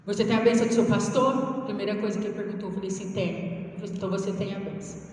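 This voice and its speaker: A woman's voice: medium pitch, steady tone, very fast, darkish tone, a little hiss or hum. A Brazilian woman missionary preaching a Pentecostal sermon with an impassioned, chanting, rising cadence. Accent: Brazilian Portuguese. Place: large church hall. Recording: echoey church hall from far off.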